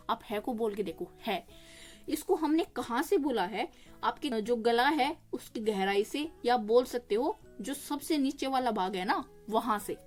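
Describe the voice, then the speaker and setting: A young woman teaching exam-prep grammar, explaining patiently, asking and answering her own questions and slowly sounding out each consonant. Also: a little high.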